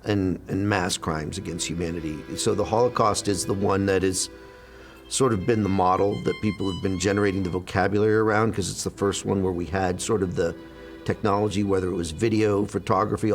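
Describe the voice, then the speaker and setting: A man's voice: deep voice, fairly even intonation, brisk, faint music behind. A man interviewed as a foundation representative, explaining in a reflective way with occasional fillers.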